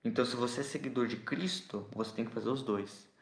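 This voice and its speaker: An expository sermon comes from a man with a Brazilian Portuguese accent, who explains a scripture passage at a quick pace in a mid-range voice. The sound is reverberant, and he repeatedly asks listeners "entendeu?"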